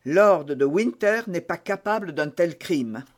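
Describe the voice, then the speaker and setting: A man's voice: a little high, animated, measured pace. Man reading a grave, pious soldier guard. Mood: grave, stern. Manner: grave, solemn. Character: stern, pious young male soldier guard.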